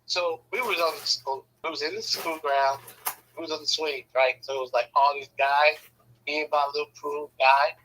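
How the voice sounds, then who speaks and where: A man's voice: on the high side, steady tone, moderate pace, bright, forceful tone, slight background noise, rough recording. A man casually telling a rambling, profane story, often checking in with "right?". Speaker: podcast host telling a story.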